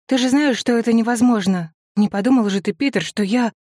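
A man's voice: high-pitched, moderate pace, a little mellow, dry recording, studio quality, voice pushed up, lightly acted. A man reading an audiobook, voicing an anxious, flustered young woman who chatters breathlessly. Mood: desperate. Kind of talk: audiobook character voice.

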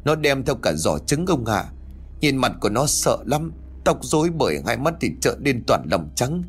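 A man voicing a frantic middle-aged village mother who stammers and pleads in a shrill voice. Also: very animated, normal speed, husky. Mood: panicked.

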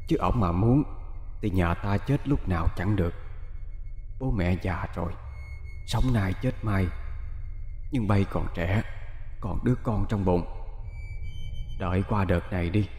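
A man's voice: low voice, reverberant, in a large hall. A man voicing a weary old village mother. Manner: soft, hushed, pleading. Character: worried elderly village mother, gentle and resigned.

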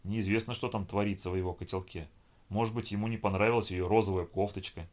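A blunt, gruff ship captain who answers curtly and with dry sarcasm. His voice is low and plain, as a man reading the book gives him. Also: fairly even intonation, fast talker, darkish tone, natural voice. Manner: curt, sardonic.

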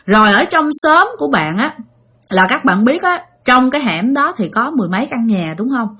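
A woman's voice: fairly high pitch, sing-song, brisk, bright, forceful tone, slightly rough. A woman with a Southern Vietnamese accent telling a ghost story in a chatty, casual way, addressing her listeners directly.

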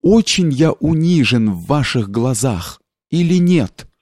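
A man voicing a pompous older general who shouts in a shrill, outraged way. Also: lively intonation, takes it slowly, dry recording, clean studio sound. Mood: pleading.

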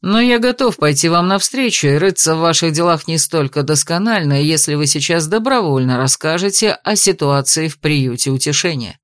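A woman voicing a stern, menacing male investigator in an audiobook, speaking low and commanding. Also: animated, normal speed, few pauses, no echo, studio quality. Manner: growling, commanding.

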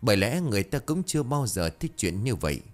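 A man narrating a ghost story in a solemn, expressive reading style. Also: medium pitch, fast.

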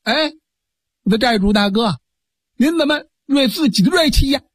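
A man's voice: extremely high pitch, animated, normal speed, husky, no room sound, clean studio sound, pitched above the performer's own voice, heavily acted. A male storyteller voicing a boastful, contrary bandit chief who taunts and brags. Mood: brash taunting. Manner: brash, taunting.

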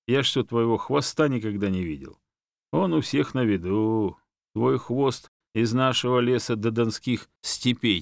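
A man's voice: mid-range voice, no room sound, clean studio sound, pitched above the performer's own voice, natural voice. A man doing a bossy barking bear. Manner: loud, barking, domineering. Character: bossy commanding male forest bear chief. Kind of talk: storybook reading.

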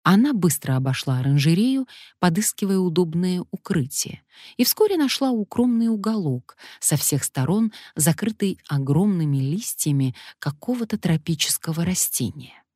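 A woman narrating an audiobook story in an even, measured way. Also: lowish voice, no echo, clean studio sound.

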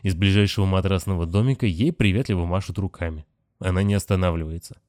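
A male audiobook narrator with a low voice, reading in a steady, measured way. The recording is dry and close, with no room sound. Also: dry recording. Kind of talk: scripted narration.

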